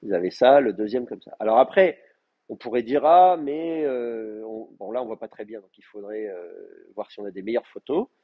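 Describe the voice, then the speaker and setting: Man, Hebrew teacher, husky voice, explanatory lecture, hesitant fillers. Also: on the low side, moderate pace, phone-quality sound. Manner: explanatory, frequent filler words and restarts. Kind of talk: university lecture.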